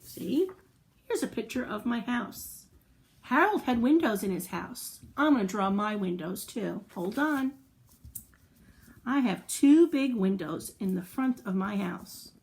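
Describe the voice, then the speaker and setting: A woman hosting children's storytime reads aloud and chats with her young audience, encouraging them with simple questions and explanations. Her voice is on the high side, creaky and a little mellow, with lively intonation and a measured pace.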